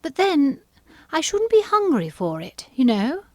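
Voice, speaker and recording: A woman's voice: a little high, big pitch swings, normal speed, dry recording, studio quality, pitched above the performer's own voice. A woman voicing a polite, curious, easily offended little girl in a storybook, asking earnest questions. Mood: thoughtful, curious.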